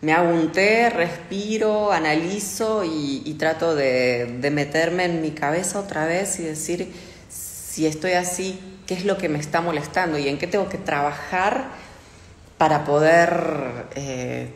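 A woman's voice: deep voice, measured pace, a little hiss or hum. A young adult woman hosting a casual phone livestream, reading out viewer comments and answering them candidly, with frequent swearing. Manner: chatty and candid, swears often. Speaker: livestream host. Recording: echoey room with long reverb.

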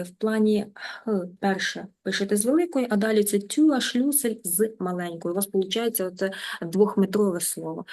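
A woman teaches an online language class at an even, middle pitch. She is patient and deliberate, slowing down to repeat each new word for her students. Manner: patient, repeats words slowly and drills them. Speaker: German teacher.

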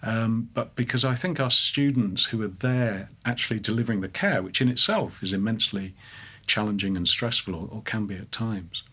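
Man, head of school, measured and thoughtful, bright tense tone, low voice. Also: slightly rough. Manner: measured, hesitant, with fillers and restarts. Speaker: head of a dental school, interviewer. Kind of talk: thoughtful discussion.

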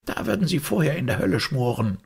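A man voicing a shrill, defiant middle-aged maid who shrieks and answers sullenly. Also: sing-song, brisk, creaky, husky, full character voice.

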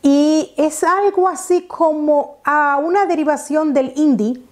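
A woman's voice: high voice, takes it slowly. Chatty Dominican woman vlogging at home. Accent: Dominican Spanish. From Dominican Republic. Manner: chatty, animated hand gestures, many fillers and restarts. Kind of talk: casual storytelling to camera. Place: living room at home, indoors. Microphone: lapel mic.

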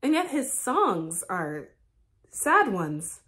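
A young woman playing a lovesick jailer's daughter in a comedic classical stage monologue, with theatrical pauses and swells. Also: mid-range voice, sing-song, fairly bright tone, full character voice. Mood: pining, unsure. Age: young adult. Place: indoor studio with plain backdrop.

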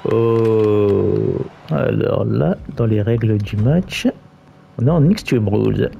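A man with a gravelly voice giving casual gameplay commentary, talking to himself and the characters in short exclamations. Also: lowish voice, animated, slow pace, warm tone, dull audio, a little hiss or hum. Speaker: gamer playing a wrestling video game.

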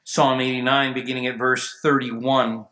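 A man preaching a sermon as pastor, emphatic and rising to near shouts at times. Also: medium pitch, level tone, moderate pace. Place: church sanctuary. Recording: echoey church room.

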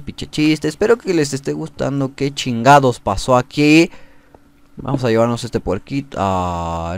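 A man with a Mexican accent giving crude, joking let's play commentary, bickering with himself as he plays. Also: medium pitch. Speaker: gaming YouTuber.

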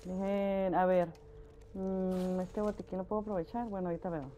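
A woman commentating a co-op game, excited, repeating callouts rapidly. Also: on the low side. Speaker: gamer. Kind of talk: co-op gameplay commentary. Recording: game noise behind the voice.

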